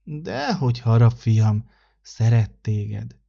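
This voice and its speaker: Man doing gruff old December. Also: medium pitch, very animated, highs cut off. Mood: gruff kindly. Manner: grumbling, gruff but gentle.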